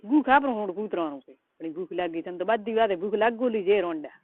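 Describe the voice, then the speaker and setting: With a mid-range, expressive voice and a quick pace, a middle-aged woman with a rural Rajasthani Marwari accent scolds colloquially as a relative giving advice in a private phone conversation. The recording is dry, yet the line is tinny and the call noisy.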